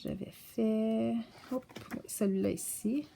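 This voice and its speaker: A woman casually showing her coloring books, soft-spoken and stumbling over English titles. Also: a little high, steady tone, takes it slowly, creaky, slight background noise. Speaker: coloring book vlogger. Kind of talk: casual show-and-tell chat.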